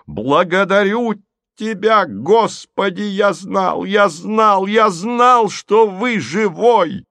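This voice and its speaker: A man plays a fawning young TV reporter who gushes in a high, shouting voice of pure delight. He sounds ecstatic and eager to please. It is a storybook voice read close and dry. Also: animated, slow, no room sound, exaggerated voice.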